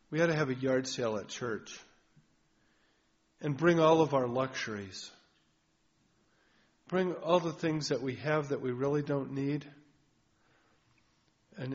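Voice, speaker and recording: A middle-aged male pastor giving a folksy, conversational sermon full of rhetorical questions. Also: mid-range voice. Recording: dull lo-fi recording.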